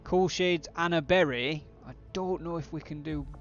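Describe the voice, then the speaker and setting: A British gaming streamer chats with viewers, giving casual, blokey, sweary commentary on the game. His voice is a little high and moves at normal speed, with lo-fi sound and soft background music.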